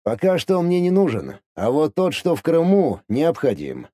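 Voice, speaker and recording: A man reading an audiobook, voicing a calm, secretive man who speaks in a measured, condescending way. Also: a little high, no echo, studio quality, pitched above the performer's own voice.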